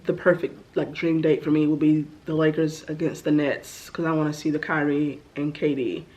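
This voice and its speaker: Low-pitched and steady, with a slightly mellow quality at a normal pace, this young vlogger's voice is a little stuffy as she recovers from the flu. She meanders through a casual Q&A about herself, chatting freely and saying um often.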